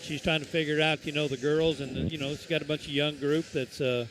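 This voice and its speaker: A man giving casual color commentary on a high school basketball game, rambling and folksy with many fillers and restarts. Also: fairly even intonation, a little fast, a bit bright, slight background noise.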